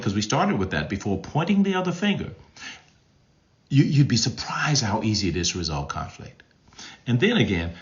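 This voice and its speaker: A man's voice: medium pitch, dull audio. A man, a pastor, teaching relationship advice live to his viewers, answering their comments and acting out tones of voice as examples. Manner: animated, keeps checking in with the audience with "okay?".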